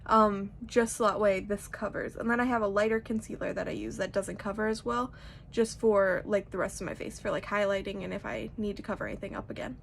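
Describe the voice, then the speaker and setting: A woman's voice: medium pitch, fairly even intonation, fairly quick, gravelly, background noise. A young woman giving a casual, chatty tutorial, rambling informally with lots of "like". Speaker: makeup tutorial host.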